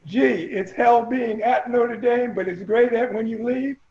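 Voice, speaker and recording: A man's voice: very high voice, steady tone, a little slow, reverberant, muffled recording. An older man reminiscing casually about his student days, wry and joking with his listeners. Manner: wry, joking, addresses the group directly. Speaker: alumnus guest.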